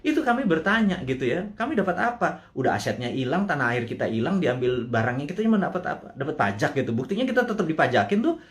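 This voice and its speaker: Impassioned man with lively, swinging pitch. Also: fast. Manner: impassioned, rhetorical questions, colloquial asides. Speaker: host. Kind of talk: live political commentary monologue.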